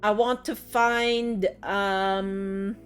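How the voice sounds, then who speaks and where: Sleepy lady streamer slowly talking thru a puzzle game, soft music underneath. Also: medium pitch, little pitch movement. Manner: musing, chatty, addresses viewers as friends. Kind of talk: casual gameplay commentary.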